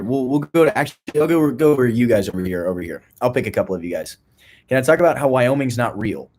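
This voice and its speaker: A young man giving a playful, mock-serious talk to a youth group, rambling with restarts and a deadpan tone. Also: mid-range voice. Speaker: youth ministry speaker.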